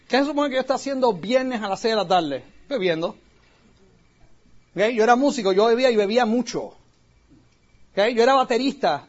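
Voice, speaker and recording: A man from Puerto Rico with a Puerto Rican accent, giving an animated storytelling talk to an audience as a motivational speaker. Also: very high voice. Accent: Puerto Rican Spanish. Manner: animated, acts out quoted voices. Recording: dull lo-fi recording.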